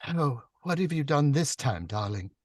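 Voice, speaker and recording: A man voicing a sharp-tongued woman spy handler with a breathy, half-whispered, accented voice. She mocks the people around her and calls them darling. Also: mid-range voice, animated, moderate pace, dry recording, studio quality, voice pushed up, close to an everyday voice. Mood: teasing.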